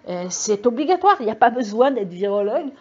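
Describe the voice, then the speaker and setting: A woman's voice: a little high, very animated, fairly quick, a little mellow, slightly rough, dull audio. A woman hosting her own channel, talking casually to viewers into a microphone in a rambling way with lots of fillers and emphatic warnings. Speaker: video channel host. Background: computer mail alerts.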